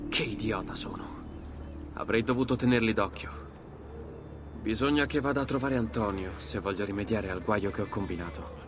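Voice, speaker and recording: A man's voice: fairly low pitch, normal speed, over music, natural voice. A man voicing a rueful young game hero who mutters reproaches to himself. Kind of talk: video game voice acting.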